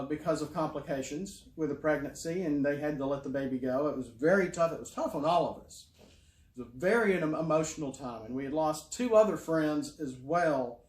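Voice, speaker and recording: A man's voice: on the high side, a little mellow, roomy sound. A middle-aged man rambling in a casual monologue, full of fillers and restarts. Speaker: YouTuber.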